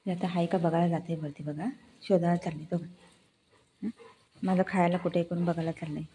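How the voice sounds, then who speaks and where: A woman filming her pets at home, coaxing them in high baby-talk while explaining to viewers. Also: flat delivery, brisk, noisy background. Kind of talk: casual home video chat.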